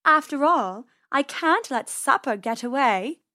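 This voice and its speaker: A woman voicing a sly female farm cat who purrs her words in a slow, menacing drawl. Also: high voice, expressive, bright, forceful tone, no room sound, studio quality, pitched above the performer's own voice, exaggerated voice. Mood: silky menace.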